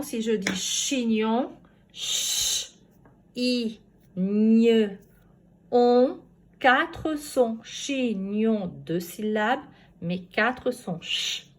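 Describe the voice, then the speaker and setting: A schoolteacher working from her home, giving a phonics lesson to young children and sounding out each syllable slowly and carefully. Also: a little high, a little mellow, a little hiss or hum. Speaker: primary school teacher.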